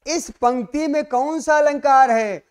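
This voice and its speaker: A male Hindi teacher giving an exam-prep lesson on poetry, calling his students dear children and asking them questions that he answers himself. He reads the verse lines slowly, stressing each word. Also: extremely high pitch.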